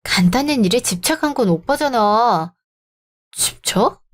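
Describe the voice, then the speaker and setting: A woman's voice: fairly high pitch, animated, a little fast. A woman reading the part of a young woman who firmly breaks off her engagement, in a radio drama. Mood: incredulous. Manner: firm, cold resolve. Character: fed-up young woman, the bride. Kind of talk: Korean story-channel radio drama reading.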